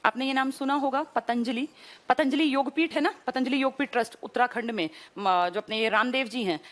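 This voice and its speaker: A woman teacher giving an exam-prep history lesson, explaining step by step and asking and answering her own questions. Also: sits high.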